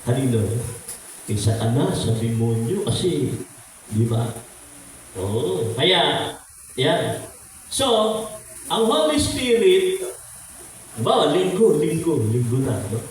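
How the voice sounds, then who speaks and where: Guy preaching slow and chatty to his church, kinda high voice, big echo, mic far off. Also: big pitch swings, a little hiss or hum. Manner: conversational, calls on listeners by name, frequent "no?" and "di ba?" tags. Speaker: pastor teaching a congregation. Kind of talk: casual Sunday teaching with questions to listeners.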